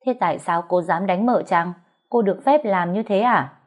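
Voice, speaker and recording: A woman's voice: mid-range voice, moderate pace, lightly acted. Woman voicing a stern older housekeeper. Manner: stern, firm. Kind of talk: storytelling audiobook.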